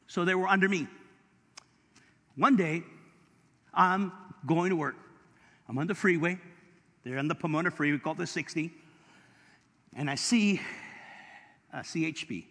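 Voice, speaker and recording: Husky high-voiced preacher in an echoing hall. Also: male voice, a little slow, long pauses. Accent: Californian English. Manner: storytelling preacher, rising to shouts. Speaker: pastor. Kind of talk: sermon. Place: church sanctuary. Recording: long hall reverb.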